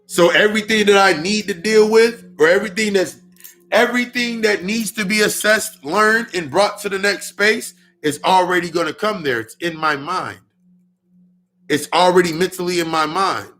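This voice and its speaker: At a normal speed, a thirty-something man speaks casually on spiritual matters in a high-pitched, bright and forceful voice. He's emphatic and profane, cursing often and repeating lines to drive them home.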